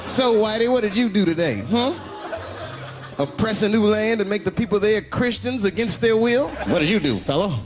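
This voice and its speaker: Stand-up guy doing a sarcastic street dude, fake nice, swoopy high voice, music in the back. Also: expressive, normal speed, background noise. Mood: taunting. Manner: taunting, fake-polite greetings.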